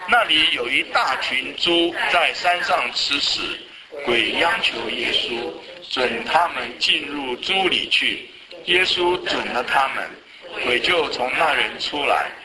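A man leading a group Bible study, asking the group quick questions and reading scripture aloud with them. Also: medium pitch, low-quality recording. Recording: voices of a group reading along in a room.

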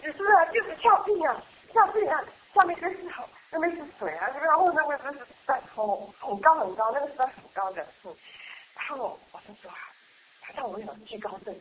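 A middle-aged woman sharing a personal church testimony in a chatty, halting way, with frequent laughs and restarts. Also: sits high, animated, a bit bright, slight background noise, poor audio. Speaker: church member giving a testimony. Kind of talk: casual spoken testimony.

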